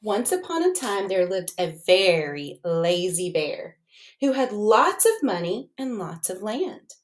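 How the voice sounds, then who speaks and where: A woman's voice: mid-range voice, big pitch swings, unhurried. A woman reading a storybook aloud to children as a teacher would, expressively, with asides and questions to the listeners.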